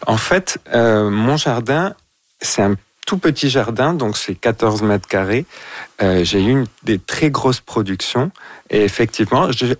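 A man from Mexico, a guest gardener speaking in a radio interview in a relaxed, hesitant way with many fillers. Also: mid-range voice, no echo.

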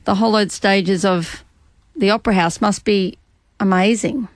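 A woman's voice: medium pitch, steady tone, unhurried, dry recording. Aussie woman breakfast radio host, gushy and upbeat, dry close sound. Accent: Australian. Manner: gushing, enthusiastic.

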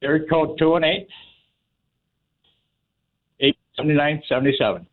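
A man calling into a radio show to sell items, talking haltingly over a phone line that keeps cutting in and out. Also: on the high side. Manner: halting, repeats himself. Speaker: caller selling items. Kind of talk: casual call-in chat. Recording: tinny breaking-up phone line.

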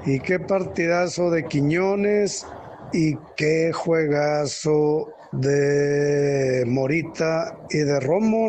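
A man's voice: on the high side, warm tone, a little hiss or hum. A man sending a voice message to a radio show, enthusiastically praising a team. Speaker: listener in a voice message. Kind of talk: sent voice message about football.

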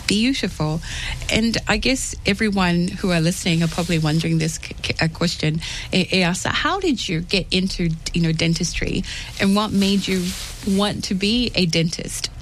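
A woman's voice: fairly low pitch, moderate pace, a little hiss or hum, low-quality recording. A woman presenting a radio show from the studio, upbeat and welcoming as she interviews a guest. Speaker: radio host.

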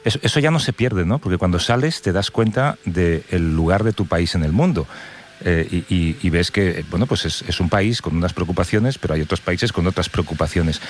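A man from hosting a talk show conversation, relaxed and hesitant with frequent fillers. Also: low voice, moderate pace, a little hiss or hum. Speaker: host.

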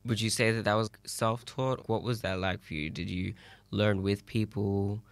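Gravelly low-voiced male interviewer. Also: fairly even intonation, normal speed, no echo. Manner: curious, encouraging, asks long questions. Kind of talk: interview questions.

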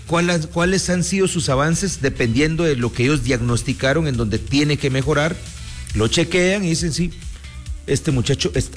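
Guatemalan man telling a story. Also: medium pitch. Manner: storytelling, measured, many restarts. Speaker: sports commentator. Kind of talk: casual talk show chat.

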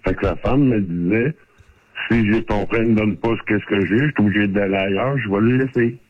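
A male caller with a Québécois accent, his voice run through a modifier that pushes it low and disguises it. The call line sounds muffled and lo-fi. He tells his story candidly and in plain words. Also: a little fast. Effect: voice disguised with a pitch-lowering modifier. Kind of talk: confessional call-in.

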